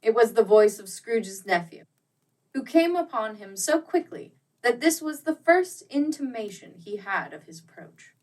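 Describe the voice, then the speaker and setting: A woman narrating a storybook dramatically, with deliberate phrasing that swells and drops to a hush. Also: fairly high pitch, very animated, recorded from a distance, rough recording. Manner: theatrical, deliberate phrasing with strong swells and hushes.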